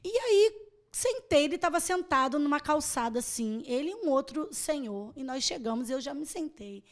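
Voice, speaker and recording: A woman from Rio, a mission volunteer telling her story as a podcast guest, animated and laughing as she acts out the conversations. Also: high voice, moderate pace. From Rio de Janeiro. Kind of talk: podcast testimony.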